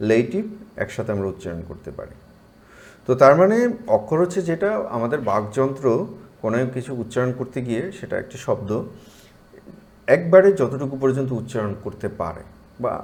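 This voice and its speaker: A man's voice: medium pitch, a little mellow. A man with a Bangladeshi Bengali accent, teaching an exam-prep English class, explaining patiently and checking in with his learners.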